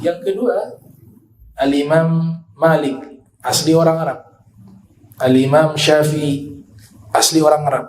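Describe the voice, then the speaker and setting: A man giving an Islamic religious lecture, explaining at length and reciting Arabic verses slowly. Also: on the high side, darkish tone, a little hiss or hum, low-quality recording. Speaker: Islamic preacher.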